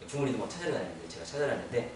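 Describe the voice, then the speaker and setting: A man's voice: mid-range voice, racing. A male pastor telling a story in a sermon, animatedly acting out the people in it. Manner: animated storyteller who acts out dialogue. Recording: very echoey room, distant mic, audible background noise.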